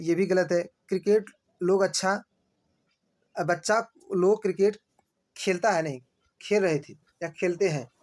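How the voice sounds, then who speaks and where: A male teacher running an exam-prep lesson, repeating each answer and asking quick rhetorical checks. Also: sits high. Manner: points at screen, says "dekhiye".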